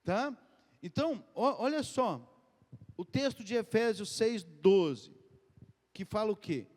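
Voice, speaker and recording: Lively preacher in a reverberant church. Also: male voice, slow. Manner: conversational, addresses the congregation as "queridos" and "gente"; lively, often rises in pitch and speeds up. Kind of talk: sermon. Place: church hall. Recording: long hall reverb.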